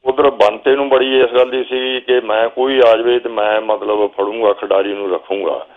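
An older Punjabi man, a guest telling a long story from memory at an unhurried pace, now and then quoting what he told the players. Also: mid-range voice, fairly even intonation. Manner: slow reminiscing storyteller, quotes himself calling instructions. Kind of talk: storytelling interview. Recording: phone-like narrow sound.

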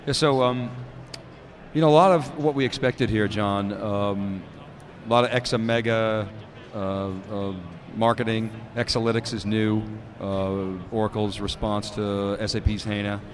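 A man's voice: on the low side, steady tone, measured pace. A middle-aged man co-hosting live event commentary from a conference studio booth, talking analytically with plenty of fillers. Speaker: tech show co-host. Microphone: handheld stand mic. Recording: busy crowd noise behind.

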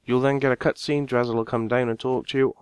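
A man with a smooth, resonant voice, recorded dry and close with no room sound. He walks viewers through a game quest step by step in a relaxed, casual voice-over. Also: medium pitch, fast talker, no room sound. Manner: relaxed step-by-step instructions, talking straight to viewers. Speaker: game guide narrator.

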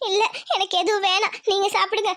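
A woman's voice: very high voice, flat delivery, quick pace, bright, forceful tone, dry recording, studio quality, heavily acted. A woman voicing a tearful, stubborn young village wife in a cartoon. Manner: tearful, refusing, pleading.

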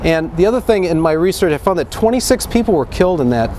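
A man's voice: on the high side, very animated, quick pace, dark tone. Middle-aged man guiding a street tour. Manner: chatty, enthusiastic, with frequent uh fillers. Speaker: walking tour guide. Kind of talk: outdoor guided tour talk. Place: busy downtown street outdoors with a crowd. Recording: street noise behind.

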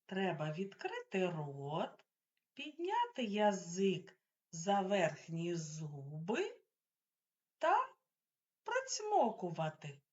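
A woman's voice: mid-range voice, huge pitch swings, extremely slow. A woman preschool teacher leading a speech lesson for small children, speaking with careful, exaggerated articulation and coaxing praise. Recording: dull lo-fi recording.

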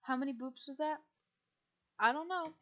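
Laughing often, a young woman from the US rambles and chats casually while streaming a game, her voice husky and quiet. She speaks in a high voice at a moderate pace, with lo-fi sound.

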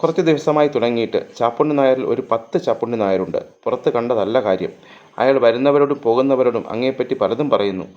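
A man voicing a blind young male ascetic who murmurs secretive warnings in a confiding hush. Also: medium pitch, brisk, highs cut off, natural voice.

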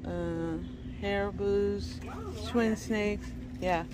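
A woman's voice: medium pitch, fairly even intonation, very slow. A woman hosting a casual shopping vlog, chatting to viewers on a handheld camera. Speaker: vlog host. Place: shop aisles and parking lot outside. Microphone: handheld camera or phone. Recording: noisy on-the-go store recording. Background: clear store and street noise.

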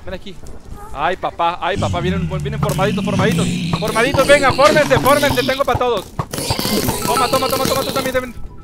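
A young Mexican man streaming a game live, excitable, with loud outbursts and frequent laughs. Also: very high voice, fairly quick. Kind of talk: live gaming stream commentary. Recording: music playing behind the voice. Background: game music.

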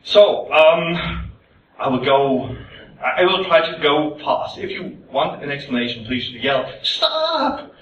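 Man, panel speaker, halting, roomy hall sound, distant mic. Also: fairly high pitch, a little hiss or hum. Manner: hesitant, many fillers and restarts. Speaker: panelist presenting the show's process. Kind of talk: conference panel talk. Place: convention panel room. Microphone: recorded from far off. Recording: echoey dull room audio from afar.

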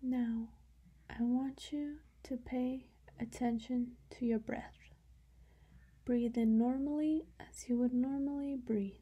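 In lo-fi sound, a woman with a higher voice guides a meditation, speaking softly and breathily and often sinking into a near whisper. Calm instructions come with long pauses.

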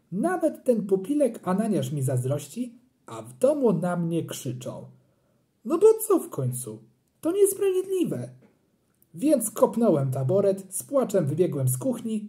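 Audiobook reader, children's story, animated, playful, mellow. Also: medium pitch. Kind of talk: expressive storybook narration.

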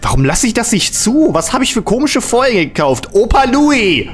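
A man's voice: very high voice, sing-song, normal speed, faint music behind. A man hosting a comedic horror game let's-play, talking sarcastically and exclaiming.

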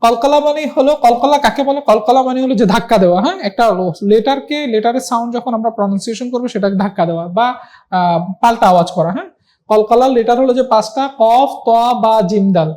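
A man teaching a Quran recitation lesson, asking and answering his own questions and drilling sounds slowly and repeatedly. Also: very high voice, darkish tone.

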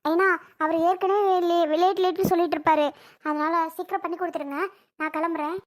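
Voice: very high-pitched, little pitch movement, fairly quick. A performer playing a demanding young working wife in a family comedy skit, whiny and bossy. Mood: fussy.

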